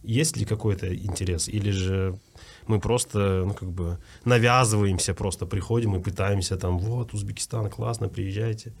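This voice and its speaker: A man's voice: deep voice, fairly even intonation, normal speed, slight background noise. A man chats casually as an interviewer, hesitantly feeling his way through questions. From Uzbekistan. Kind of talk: casual chat.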